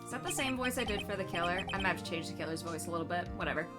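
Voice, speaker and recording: A woman's voice: lowish voice, animated, racing, loud music behind the voice. A woman giving casual playthrough commentary as she plays a game. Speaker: game streamer.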